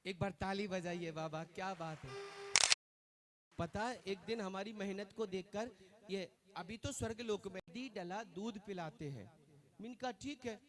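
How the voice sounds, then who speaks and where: A man's voice: sits high, a little slow, over music. A man compering a religious festival stage, telling comic anecdotes and calling for applause. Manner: joking storyteller who leads applause.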